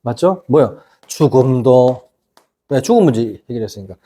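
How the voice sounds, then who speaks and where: A middle-aged pastor preaching a casual youth sermon, constantly asking the congregation whether they agree. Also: male voice, medium pitch, animated, normal speed, mellow, slightly rough. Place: church youth service.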